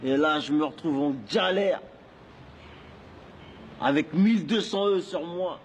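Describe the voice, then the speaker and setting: A man's voice: on the high side, measured pace, slight background noise, lightly acted, low-quality recording. An actor playing an exhausted small-time criminal bitterly listing his troubles. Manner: bitter, complaining monologue.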